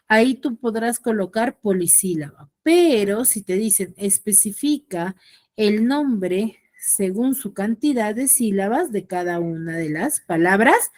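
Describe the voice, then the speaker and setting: Slow-talking woman teaching an online class. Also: mid-range voice, darkish tone. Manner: patient, checks in with the class often. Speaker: secondary school teacher. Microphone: video call.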